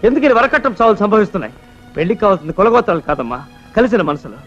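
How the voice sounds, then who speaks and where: A defiant young son in a film melodrama, earnest and impassioned. His high voice races along in speeches, over music on a muffled soundtrack. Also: sing-song, rapid-fire. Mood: firm. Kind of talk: Telugu film melodrama acting.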